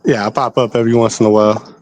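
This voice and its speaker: A man's voice: lowish voice, steady tone, racing, darkish tone, no room sound. A man chatting casually in street slang. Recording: very noisy audio with clicks.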